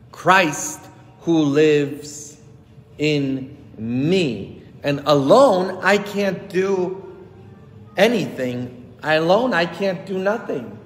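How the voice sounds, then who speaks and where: A man in his thirties, a priest giving a sermon on a headset mic, preaching emphatically with big swings in pitch and loudness. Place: church sanctuary with long reverb. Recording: hall reverb from church.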